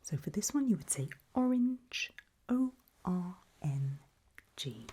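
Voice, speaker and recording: This ASMR clip features a woman acting as a reassuring doctor who gives a creepy memory test, her voice a breathy whisper alternating with very soft, low speech. She is gentle, patient, unhurried and encouraging, and a faint hiss or hum runs through it.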